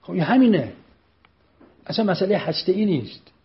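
A man's voice: high voice, very animated. A man giving an emphatic political speech, repeating phrases and firing pointed rhetorical questions. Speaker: speaker addressing an audience. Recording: dull lo-fi recording.

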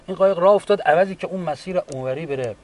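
A man's voice: sits high, darkish tone. Man recalling his wartime wounds, far from mic. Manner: halting, unhurried retelling with restarts. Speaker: wounded war veteran. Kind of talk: personal war testimony. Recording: distant mic with faint background ambience.

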